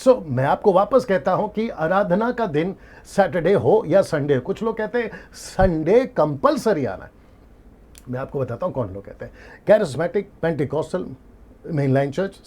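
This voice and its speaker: A man's voice: on the high side, mellow. A male preacher teaching in a sermon style, emphatic, asking rhetorical questions and repeating his key points. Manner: mixes English words into his speech; rhetorical questions, occasional laughs.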